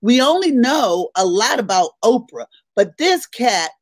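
A woman co-hosting a casual morning chat show, loud and laughing as she tells stories and gossips. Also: a little high, very animated, a little slow, no room sound. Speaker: co-host.

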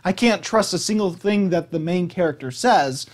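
Man, movie reviewer, casual, high-pitched, blunt, opinionated, swears. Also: expressive, moderate pace.

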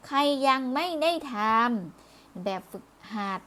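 A woman's voice: high-pitched, lively intonation, slow, fairly bright tone. A woman teaching primary school children in a recorded review lesson, speaking patiently, repeating words and closing phrases politely.

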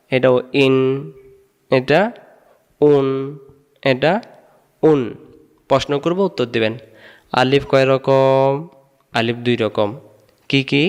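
A man teaching an online Quran reading lesson, drilling letters and vowel sounds slowly and patiently, asking questions and answering them himself. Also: medium pitch, clean tone. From Bangladesh. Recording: long hall reverb.

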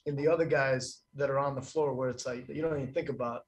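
A man's voice: mid-range voice, steady tone, fast talker. A male sports reporter asking the coach questions at a postgame press conference, building long, chatty questions.

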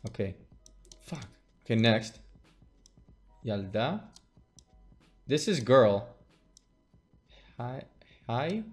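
A man's voice: mid-range voice, very animated, very slow, long pauses, faint music behind. A man in his late twenties streaming from a small room at his desk, casually thinking aloud, joking and swearing. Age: late 20s. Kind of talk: casual live-stream commentary.

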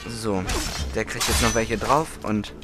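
A man's voice: fairly low pitch, fairly even intonation, a little slow, heavy background noise. A man giving casual gameplay commentary as a let's play host, chatty and often correcting himself. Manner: chatty, self-correcting, frustrated at times. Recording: commentary over loud game music.

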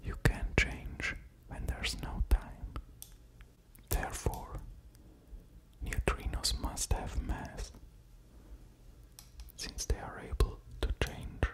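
A man in his thirties giving a whispered ASMR lecture, slow and deliberate, very close to studio microphones at the ear. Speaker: ASMR creator explaining physics. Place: small quiet room at home, indoors. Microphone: pair of studio condenser microphones with pop filters, very close.

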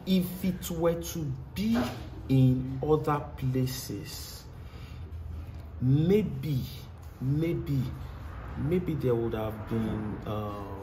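A Nigerian-accented mechanic in his thirties answers interview questions earnestly at his outdoor workshop beside a tiled wall, repeating phrases for emphasis. His mid-range voice is dark-toned and very slow, picked up on a lapel mic. The poor audio carries soft background music and clear outdoor noise.

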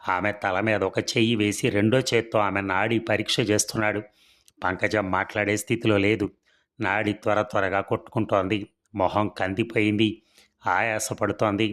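A man reading a serialized story aloud in a steady, even storytelling manner. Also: on the low side, moderate pace.

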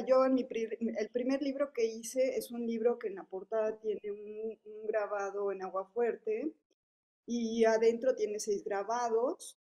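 Fifties woman, Mexican accent, conversational panel speaker, filler-heavy, slightly high voice, dark warm timbre. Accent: Mexican Spanish. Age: 50s. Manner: chatty, many fillers and tag questions. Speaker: panelist at a public policy forum. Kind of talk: forum talk, conversational.

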